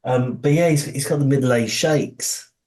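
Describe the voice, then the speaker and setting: A man's voice: medium pitch, a little slow, dark tone. A man co-hosting a podcast in casual, rambling chat, laughing often and swearing freely. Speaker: podcast co-host.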